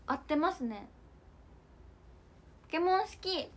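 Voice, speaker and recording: A woman's voice: high voice, animated, measured pace. A young woman hosting a casual livestream, chatting with viewers and reading comments in a bubbly, giggly way. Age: young adult. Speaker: idol livestream host.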